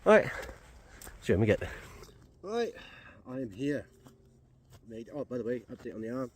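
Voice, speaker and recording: A chatty man talks to camera outdoors in the woods, joking at his own expense as he works. His voice sits at an ordinary middle pitch. A faint outdoor hum runs underneath. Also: sing-song, moderate pace. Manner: chatty, self-mocking, talks to camera while working. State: out of breath. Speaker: outdoor vlogger. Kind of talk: casual camping vlog.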